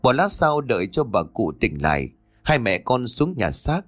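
A man narrating a horror story audiobook in an expressive, dramatic way. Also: mid-range voice, normal speed, no room sound. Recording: dry close voice with faint music.

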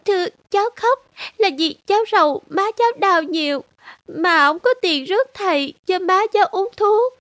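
A man's voice: unhurried, fairly bright tone, dry recording. A man voicing a poor, frightened little girl who speaks timidly. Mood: timid, tearful. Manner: very high falsetto, timid and sobbing.

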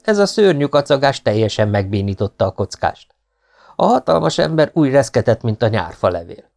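A man narrating an audiobook novel in a steady, measured storytelling manner. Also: mid-range voice, vocal fry. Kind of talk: scripted narration.

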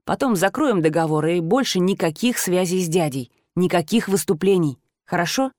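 A woman reading the lines of a gentle young man who speaks quietly and reassuringly, in a storybook reading. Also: lowish voice, normal speed, no room sound, studio quality, lightly acted. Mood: calm.

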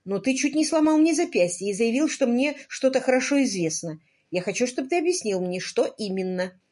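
A woman's voice: fairly high pitch, animated, fairly quick, a little mellow, pitched above the performer's own voice. A woman voicing a spirited, teasing young woman. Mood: insistent. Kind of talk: audiobook character voice.

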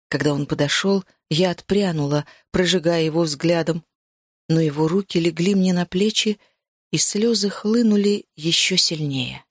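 Low-voiced woman narrating a novel. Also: slightly rough, no echo, studio quality. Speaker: audiobook narrator. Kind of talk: first-person novel narration.

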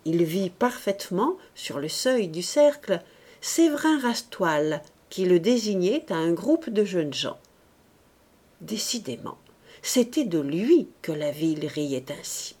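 A woman reading a classic novel aloud as an audiobook narrator, in a measured and expressive way. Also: fairly low pitch. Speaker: audiobook reader.

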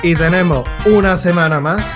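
A man's voice: high voice, normal speed, music in the background. A man hosting a film podcast in a casual presenting style. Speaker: podcast host.

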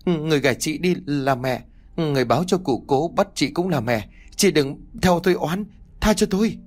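A man's voice: normal speed, lightly acted. A man voicing a terrified young village girl who pleads in a raised voice. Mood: terrified pleading. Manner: high, pleading.

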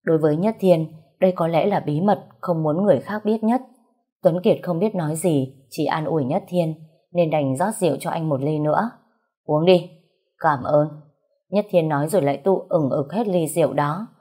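A woman narrating a story audiobook in a steady, even manner. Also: deep voice, a little fast, husky.

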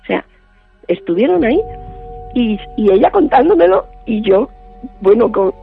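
A man's voice: extremely high pitch, very animated, moderate pace, vocal fry, slightly rough, soft background music. A male radio guest, telling a story vividly and acting out the lines of the people in it. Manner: vivid, acts out quoted dialogue. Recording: band-limited dry phone-like line.

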